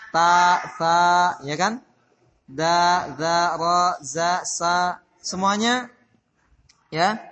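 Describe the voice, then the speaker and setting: High, bright-voiced man teaching a lesson. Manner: explains patiently, repeats points, asks the class questions. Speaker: Quran recitation teacher. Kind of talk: recorded study-circle lesson. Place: religious boarding school classroom.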